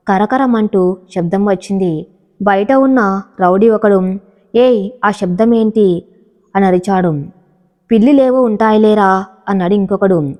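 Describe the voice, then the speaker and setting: Woman reading a dramatic story, echoing hall. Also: medium pitch. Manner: steady dramatic reading, voicing every character herself. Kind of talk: scripted story narration.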